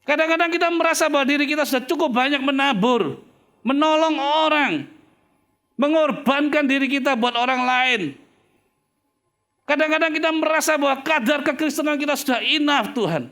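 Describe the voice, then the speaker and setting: A man's voice: extremely high pitch, moderate pace, pushed and bright. A male pastor preaching a sermon, often calling out to his listeners and dropping in English phrases. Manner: preaching, addresses listeners as brothers and sisters, mixes in English phrases.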